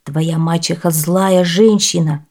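A woman's voice: fairly low pitch, steady tone, slow, a little mellow. Woman doing a stern, baffled village baker from a folk tale. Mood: puzzled. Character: frightened, puzzled village baker, a man.

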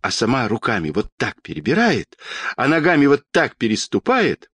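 A man reading a storybook aloud and voicing a chattering red-haired boy who talks excitedly and stretches his words. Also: medium pitch, normal speed, slightly rough, no room sound, clean studio sound, exaggerated voice.

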